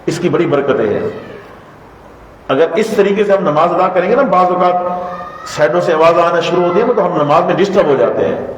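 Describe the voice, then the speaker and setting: A man's voice: high-pitched, muffled recording. A man giving a religious lesson as a Quran teacher, earnest and pleading, who asks the audience questions and repeats the answers. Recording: echoey hall from far off, faint noise.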